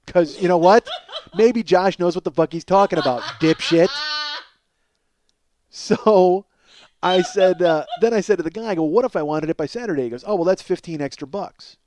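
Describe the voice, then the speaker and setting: Speaking at a normal pace, a forties-aged man with a high, darkish voice hosts a comedy podcast over a faint hiss or hum. He rambles through a self-deprecating, profane tale, voicing both people in the conversations he recounts.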